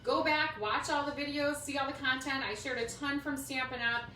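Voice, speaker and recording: She has a high, bright, forceful voice with fairly even intonation and normal speed: a middle-aged Minnesota woman rambling informally to her craft livestream audience in her home state's accent. The roomy indoor home setting comes through on a distant mic, along with faint noise.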